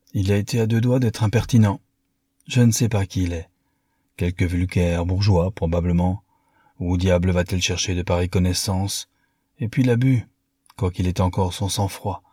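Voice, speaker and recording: A man's voice: sits low, warm tone, slightly rough, no echo, clean studio sound. A man reading an audiobook, voicing a proud, haughty young French aristocrat. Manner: haughty, disdainful.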